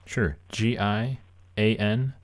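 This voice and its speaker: A man's voice: lowish voice, fairly even intonation, slow pace. A man interviewing someone in a casual, joking, conversational way. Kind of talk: casual chat.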